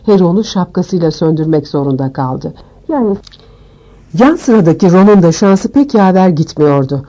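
Mellow low-voiced woman storyteller. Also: moderate pace. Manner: expressive storytelling. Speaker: audiobook narrator. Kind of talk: scripted audiobook narration.

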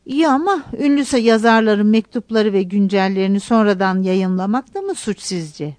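A woman's voice: medium pitch, expressive, moderate pace, mellow, dry recording, lightly acted. A woman reading a shy grown son, boyish. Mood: pleading. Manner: hesitant, childlike pleading.

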